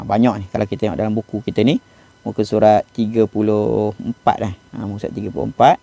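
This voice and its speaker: A man with a Malaysian Malay accent gives a lesson on Quran recitation, explaining each rule patiently and stretching out the example words slowly. His voice is mellow and relaxed, recorded close in a dry space with no room echo. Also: mid-range voice, gravelly. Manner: patient and explanatory, slows down to model Arabic recitation. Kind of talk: classroom lesson on recitation rules.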